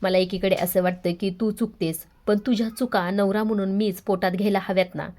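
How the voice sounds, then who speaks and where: A woman's voice: medium pitch, fairly even intonation, brisk, darkish tone, natural voice. Woman reading as an exasperated young husband. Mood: calm. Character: exasperated young husband, scolding then soothing his wife.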